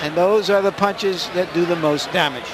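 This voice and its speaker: A man doing broadcast boxing analysis and interviews in measured, wordy phrases. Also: high-pitched, fairly even intonation, a loud crowd. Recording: very noisy live arena broadcast.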